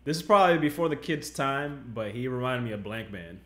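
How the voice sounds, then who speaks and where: A man co-hosting a casual podcast, playful and quick to laugh, using slang. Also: medium pitch, animated, crowd noise. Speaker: podcast co-host. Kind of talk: casual chat.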